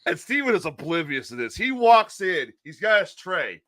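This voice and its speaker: A male podcast host telling a rowdy story in an animated way, laughing often and swearing freely. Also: high voice, moderate pace, no room sound, studio quality.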